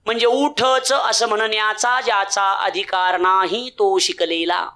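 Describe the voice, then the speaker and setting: A man's voice: sits high, unhurried. A man giving a humorous kirtan sermon, mimicking villagers and chanting devotional refrains. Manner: comic mimicry of villagers, lively bhajan chanting. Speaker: kirtankar preacher.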